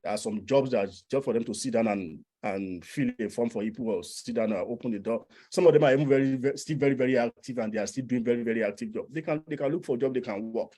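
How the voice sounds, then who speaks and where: Speaking quickly with few pauses, a Nigerian-accented immigration coach explains things to an audience in an informal presentation. His medium-pitched voice is warm and slightly rough, persuasive, and he repeats phrases to drive points home.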